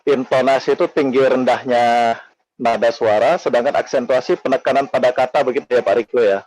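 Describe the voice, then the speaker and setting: A man moderates an online workshop in a mid-pitched voice. He sums up points and passes questions along to the coach. The sound is dry, with no room echo. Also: steady tone, fairly quick, a little mellow.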